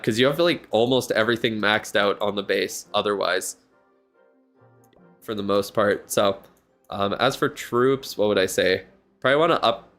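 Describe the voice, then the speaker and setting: Low-voiced tired male streamer. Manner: relaxed, rambling, thinking aloud with many fillers. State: yawning, tired. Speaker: game streamer reviewing viewer accounts. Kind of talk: casual live-stream commentary.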